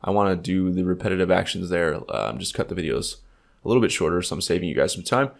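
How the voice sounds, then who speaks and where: In a screen-recorded coding tutorial, a man with a low, stuffed-up and slightly nasal voice walks through game development code at a quick pace. Vocal fry creeps in as he casually thinks aloud, using many fillers.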